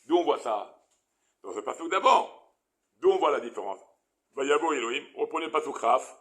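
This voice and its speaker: A man teaching a Torah lesson as a rabbi, animated and questioning his audience, with many Hebrew terms. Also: medium pitch, normal speed.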